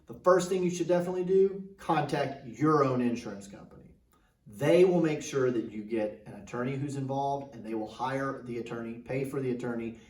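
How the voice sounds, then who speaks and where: A man's voice: mid-range voice, a little mellow. A man giving legal advice in an injury lawyer ad, speaking instructively and directly to the viewer as an attorney. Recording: echoey room, distant microphone.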